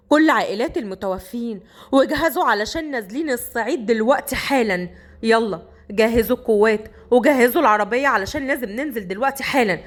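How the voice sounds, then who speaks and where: Woman storyteller lowering her voice for a gruff young Egyptian man: commanding, quick to anger, storybook drama. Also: close to an everyday voice. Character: tough young Upper Egyptian man, hot-tempered.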